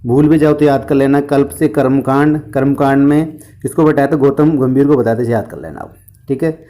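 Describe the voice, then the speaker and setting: Brief: male exam coach with a lilt, mellow tone, answers his own questions with mnemonics. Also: mid-range voice, steady tone, a little fast. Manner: explains with questions and answers to himself; uses memory tricks and jokes. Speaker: teacher. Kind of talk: exam-prep history lesson.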